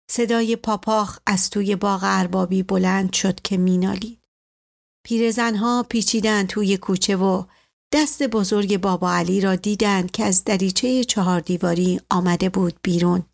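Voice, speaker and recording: A woman narrating a story aloud in a steady, even storytelling delivery. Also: medium pitch, vocal fry.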